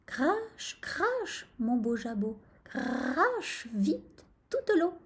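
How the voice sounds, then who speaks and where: Cheeky little rooster, shrill chanting, storybook; a woman puts it on; high, animated. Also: very slow, heavily acted. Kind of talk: storybook reading.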